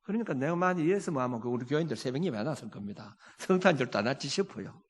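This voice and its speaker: A man's voice: mid-range voice, expressive, very fast. Emphatic preaching pastor, man, in a reverberant church. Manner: emphatic, swings from loud preaching to quiet storytelling. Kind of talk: sermon. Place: church sanctuary. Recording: long hall reverb in a church.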